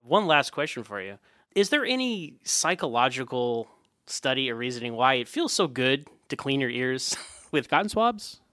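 A man's voice: mid-range voice, big pitch swings, normal speed, a bit bright, no echo, clean studio sound. A man hosting a podcast, chatting casually with lots of "like" and "right". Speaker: podcast host. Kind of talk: casual interview chat.

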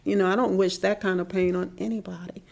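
A middle-aged woman giving a heartfelt personal faith testimony in an interview, soft-spoken and at times dropping to a whisper. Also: medium pitch, flat delivery, fast talker, creaky.

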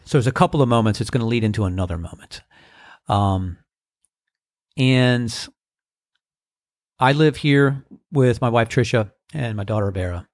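A middle-aged man hosting his own podcast, talking in a relaxed, reflective, unhurried way with frequent ums and uhs. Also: medium pitch, no room sound, clean studio sound. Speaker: podcast host. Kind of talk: casual solo podcast monologue.

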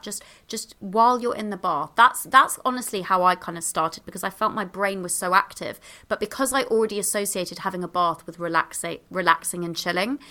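A bubbly woman guesting on a podcast gives casual advice in conversation, peppering it with little exclamations and fillers. Her medium-pitched voice is bright and forward with a crisp edge, spoken into a handheld microphone.

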